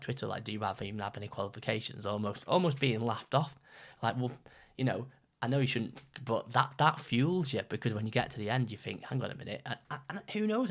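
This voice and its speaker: Brief: young male co-host, lowish voice, loose rambling delivery, lots of "like" and restarts. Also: gravelly. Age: young adult. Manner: rambling, many fillers and restarts. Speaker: trainee counsellor, podcast co-host. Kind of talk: casual chat.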